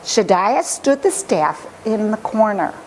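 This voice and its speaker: A woman storyteller reads a children's picture book aloud, phrasing it expressively and deliberately. Her voice is mid-range, and the poor audio carries slight background noise.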